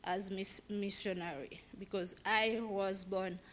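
A woman from Haiti, sharing a personal testimony in church in a halting way, searching for words. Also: medium pitch, steady tone, fairly bright tone, a little hiss or hum. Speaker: church member giving testimony. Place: church sanctuary.

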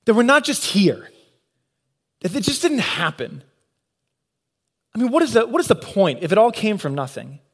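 A man preaching a sermon, earnest and unhurried, pausing for emphasis and posing rhetorical questions. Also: sits high, sing-song, fairly bright tone, breathy edge. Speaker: pastor.

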